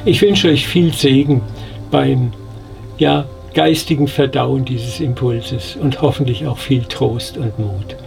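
A man's voice: medium pitch, takes it slowly, creaky, darkish tone, soft background music. A man preaching a devotional sermon, earnest and consoling, speaking straight to the listener.

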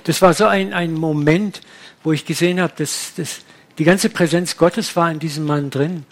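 A man preaching, telling a personal testimony in a lively storytelling manner. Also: a little high, normal speed. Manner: animated storytelling, acting out dialogue.

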